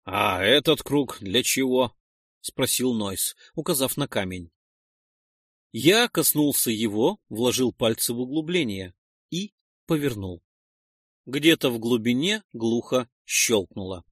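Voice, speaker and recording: A man narrating a first-person fantasy audiobook in an expressive, dramatic way. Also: mid-range voice, unhurried, breathy edge, no echo, studio quality.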